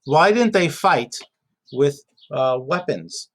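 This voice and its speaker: This GED reading teacher has a slightly high voice with lively intonation, and he talks slowly. In a relaxed, conversational lesson, he explains some history and reads a passage out loud, asking himself questions and then answering them. He also hammers points home through repetition and tosses in offhand remarks.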